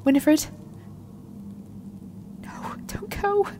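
Whispering very slowly in a high female voice, an actress plays an injured and desperate research scientist in an audio drama, a character with a blunt, sharp tongue and an urgent manner.

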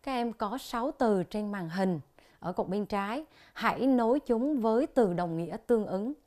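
A woman from Vietnam teaching an English lesson on television, speaking with a Vietnamese accent and slowly drilling the pronunciation of English words. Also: medium pitch, expressive, mellow.

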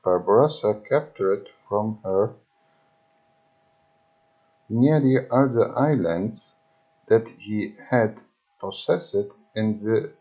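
A man reading an old history book aloud, haltingly, often restarting words. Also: fairly low pitch, dull audio. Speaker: reader. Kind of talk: slow audiobook reading of history.

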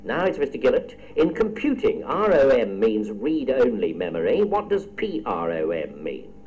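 Playful quizmaster with lively pitch. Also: male voice, normal speed, poor audio. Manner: playful, teasing, chatty asides. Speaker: quiz show host. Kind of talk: radio quiz hosting.

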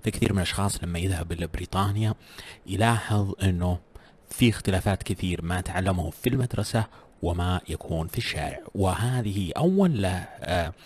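A man with a slightly husky voice giving a casual language lesson, explaining pronunciation with spoken examples and English words mixed in. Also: sits low, expressive, fast, a little mellow. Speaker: language teacher.

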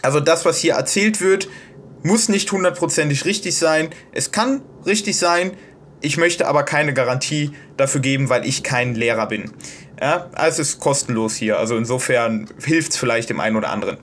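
A man's voice: mid-range voice, normal speed, a bit bright, a little hiss or hum. A man from Germany explaining pronunciation in a casual, hesitant tutorial, with many fillers and restarts. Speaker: video host explaining Japanese pronunciation. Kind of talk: casual self-made tutorial.

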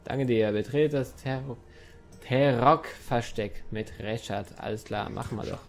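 Gravelly young man doing let's-play chatter. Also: medium pitch, unhurried. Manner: chatty, talks to the game and viewers, swears lightly. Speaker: gaming YouTuber.

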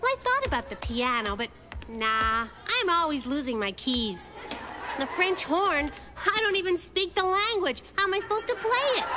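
Spunky little cartoon girl, high voice, lively swings, wry, chatty joke-telling. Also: background noise. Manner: chatty, wry comic storytelling. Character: Lulu, quick-witted spunky little girl. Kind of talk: cartoon acting and stand-up comedy bits.

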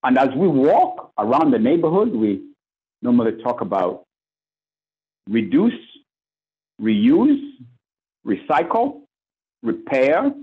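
Over a webcam on a video call, a priest from Uganda speaks to a conference panel in a medium-pitched, somewhat breathy voice. He's earnest and lists his points with fillers along the way, in a plain indoor room, and the audio sounds like a phone line.

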